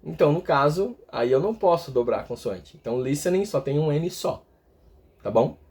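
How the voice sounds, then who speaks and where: A man's voice: fairly high pitch, lively intonation, normal speed, a little mellow. A man teaching English grammar step by step, often stopping to check in with his viewers. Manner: explains step by step, ends phrases with a checking "tá?". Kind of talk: explaining grammar in a video lesson.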